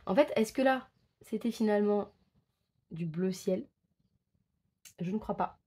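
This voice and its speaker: A woman's voice: medium pitch, measured pace, dark tone, husky. A woman chatting casually while she colors and tests pencils, thinking aloud with many fillers and self-corrections. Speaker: coloring book vlogger.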